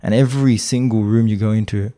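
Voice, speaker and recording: A man co-hosts a podcast in a warm, steady voice that sits on the low side and moves at a quick pace. His casual discussion rambles, full of fillers and restarts.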